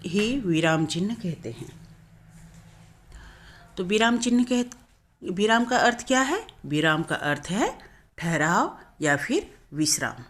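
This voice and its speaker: A woman teaching a Hindi grammar lesson, explaining step by step and often correcting herself. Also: on the low side.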